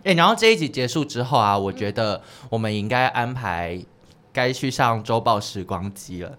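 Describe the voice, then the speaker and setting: A woman co-hosting a podcast in casual chat, animated and teasing, laughing often. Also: extremely low pitch, moderate pace. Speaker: podcast co-host.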